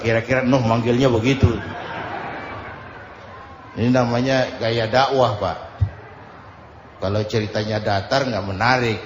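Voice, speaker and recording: A man preaching a lively storytelling sermon, acting out characters with dramatic shouted calls. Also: mid-range voice, dull audio, slight background noise. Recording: echoey hall, faint ambience.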